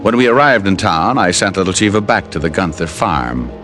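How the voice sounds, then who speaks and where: An actor voices a dry, wisecracking male private detective narrating a 1950s radio drama in a wry mood. His voice sits low, swings widely in pitch, and moves fairly quickly. The old radio broadcast carries faint music.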